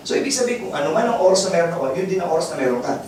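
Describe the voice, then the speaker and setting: A man's voice: on the high side, lively intonation, racing, a little mellow, slight background noise. A man giving a motivational business presentation to a live crowd, joking often and asking the audience to agree. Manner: call-and-response, keeps asking the crowd to agree; laughs often, jokey. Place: event hall with audience. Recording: very echoey hall, far mic, audience.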